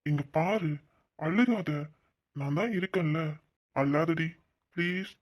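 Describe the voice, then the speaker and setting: A man voicing a young man in love in a cartoon, gentle and coaxing. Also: fairly high pitch, slow. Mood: soothing. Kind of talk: cartoon voice acting. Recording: dull lo-fi recording.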